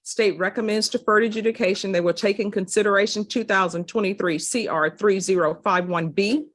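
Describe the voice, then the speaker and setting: Woman judge rattling off formal questions quick, courtroom recording, mid pitch. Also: fairly bright tone. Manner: brisk, formal, rapid-fire questions. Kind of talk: formal plea hearing questioning.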